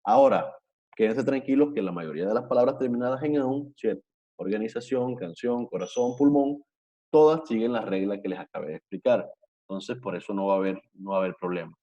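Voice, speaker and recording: A man's voice: lowish voice, brisk, warm tone, lo-fi sound. A male teacher giving an online language lesson, explaining patiently, repeating himself and often checking that students follow. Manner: patient, repetitive, checks understanding with frequent tag questions. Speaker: Portuguese teacher.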